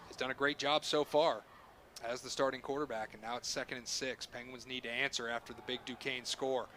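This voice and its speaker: A male play-by-play announcer with a bright, forceful voice calls a football game live. He speaks in short phrases that track the action, with faint stadium noise behind him. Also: medium pitch, fairly even intonation, fairly quick. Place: stadium broadcast booth.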